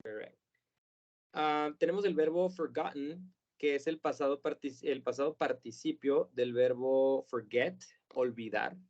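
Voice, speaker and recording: A male teacher explains pronunciation in a patient, measured way. He repeats model words slowly. His voice sits at a middle pitch, recorded with a dull, lo-fi quality. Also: a little mellow. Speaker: English teacher. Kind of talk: pronunciation lesson.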